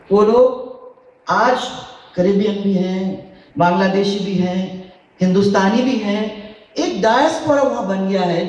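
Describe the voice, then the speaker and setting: A woman gives an unhurried, oratorical speech to a gathered audience, weighing each phrase. Her voice comes from some distance from the microphone and booms around a large, strongly echoing hall. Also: a little mellow. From India. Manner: deliberate, oratorical, mixing Hindi and English. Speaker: political speaker. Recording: booming hall echo, voice from far off.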